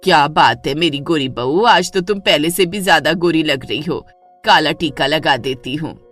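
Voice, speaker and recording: A woman voicing a scheming older mother-in-law in an animated story, speaking in a scolding, commanding way. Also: sits low, normal speed, soft background music, pitched below the performer's own voice. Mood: doting. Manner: scolding, then pleading. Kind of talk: storybook voice acting.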